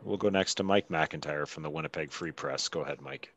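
A man's voice: rumbling low, brisk, noisy background. A man moderating a press conference, making short, routine handoffs to reporters. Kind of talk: brief announcements.

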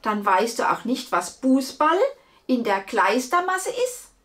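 A woman voicing a cheeky male ink monster from a children's storybook, croaky and giggly, pitched above her reading voice. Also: sing-song, measured pace, fairly bright tone. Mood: gleeful.

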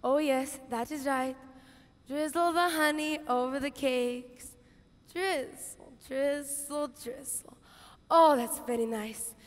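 A woman's voice: high-pitched, takes it slowly. A young woman performing a dramatic stage monologue as a bossy, harried biblical kitchen hostess, with exaggerated theatrical intonation. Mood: busy, instructing. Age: teens to young adult. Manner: exaggerated, theatrical intonation, swinging from hushed asides to shouts. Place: stage in a large auditorium with audience. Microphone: headset. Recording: reverberant large hall, headset mic.

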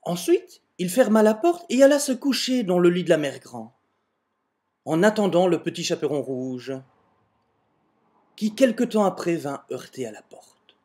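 Animated man telling a mock fairy tale. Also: high-pitched, measured pace, pauses often. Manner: animated, mock-exasperated asides. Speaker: amateur video maker telling a fairy tale. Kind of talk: comic storytelling. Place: at home in front of a door. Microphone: webcam.

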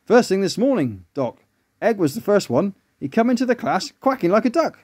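A man's voice: sits high, very animated, normal speed, darkish tone, no room sound, clean studio sound, pitched above the performer's own voice. A man voicing a flustered, formal male schoolteacher made of mashed potato in a children's story.

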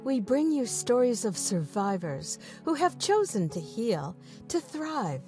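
A woman reading a scripted series introduction in a slow, deliberate, gently expressive way. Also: fairly high pitch. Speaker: series announcer. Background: soft music.

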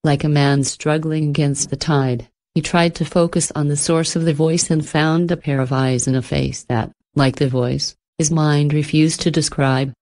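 A low-voiced woman narrates a scripted horror story. Her delivery is steady and measured, with clear phrasing line by line.

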